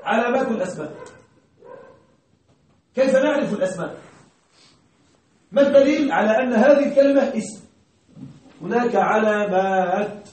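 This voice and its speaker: A male grammar teacher giving a classroom lesson, questioning his students, checking that they follow and repeating key words slowly. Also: high-pitched, animated, a little mellow. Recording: very echoey room, distant mic.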